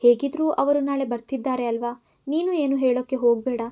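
A gentle young wife from an audio story who talks in a soft, unhurried, reassuring way, as a woman narrator voices her. The voice sits high and light. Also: lightly acted. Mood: calm. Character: calm, kind pregnant woman, mild and soothing.

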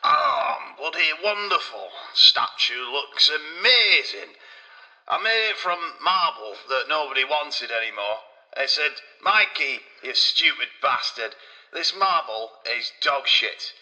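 A man's voice: a little high, sing-song, a little slow, bright, forceful tone, heavily acted, low-quality recording. A man voicing a coarse, boastful male Renaissance sculptor, rambling crudely.

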